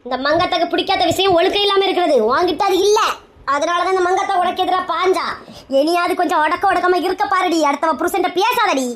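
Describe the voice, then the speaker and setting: A woman's voice: very high-pitched, fast talker, a bit bright, slight background noise, pitched below the performer's own voice. A woman with a Kanyakumari Tamil accent voicing a bossy, stern middle-aged village woman in a comedy skit, scolding and giving orders. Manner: scolding, commanding.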